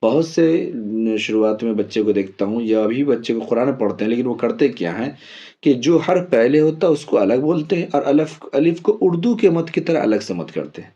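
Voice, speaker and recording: A man teaching Quran reading as a step-by-step lesson, patiently spelling out letters slowly and repeating each drill. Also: medium pitch, animated, dark tone, muffled recording.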